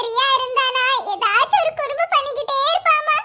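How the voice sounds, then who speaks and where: A weepy young mother in a cartoon, voiced by a woman, pleading with a Tirunelveli Tamil accent. The voice sits very high and thin. Steady noise runs under the recording. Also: a little fast. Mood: tearful. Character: young village mother, tearful and worried. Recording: noisy cartoon voice track.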